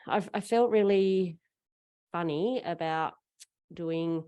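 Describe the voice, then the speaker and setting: A middle-aged Australian woman talking through a face mask, giving an informal, halting, self-deprecating personal account to a group. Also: on the low side, warm tone, clean tone. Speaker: panel speaker, parent fundraiser.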